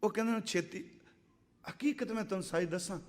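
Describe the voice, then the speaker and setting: High-voiced man preaching in a hall. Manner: recites scripture lines slowly, then explains in conversational speech. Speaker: Sikh preacher giving katha. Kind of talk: sermon.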